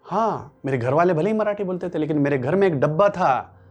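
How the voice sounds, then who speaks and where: A man from Maharashtra, a native Marathi speaker, delivers a motivational workshop lecture, firing off rhetorical questions and answering them himself. His voice sits a little high and swings widely in pitch. Faint music plays underneath. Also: expressive, brisk, a little mellow, dull audio. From Maharashtra, India. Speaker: English-speaking coach.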